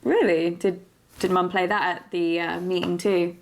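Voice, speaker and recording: An actress playing a hesitant young daughter who talks in halting, unsure bits. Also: female voice, lowish voice, steady tone, vocal fry.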